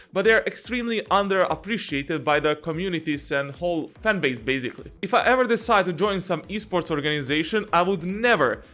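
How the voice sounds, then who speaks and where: High-voiced joking young man. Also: fairly bright tone. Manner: jokey, laughs often, many fillers and restarts. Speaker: channel host and game coach. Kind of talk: casual Q&A vlog.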